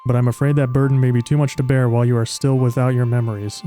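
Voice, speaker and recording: A man's voice: mid-range voice, flat delivery, fast talker, dark tone, soft background music, lightly acted. A man reading the lines of a solemn, formal old woman sage from a video game in his own voice. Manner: reads game dialogue aloud in his own voice.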